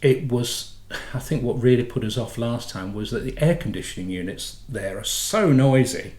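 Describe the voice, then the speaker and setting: Hosting his motorhome channel from an echoey room, a middle-aged man talks casually, wanders off topic and corrects himself. A head cold leaves his medium-pitched, darkish voice slightly nasal, and he speaks at normal speed.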